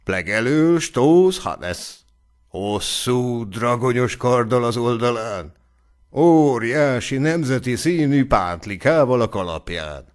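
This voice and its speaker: A man's voice: medium pitch, animated. A man reading a story aloud as an audiobook narrator, in a scripted narration.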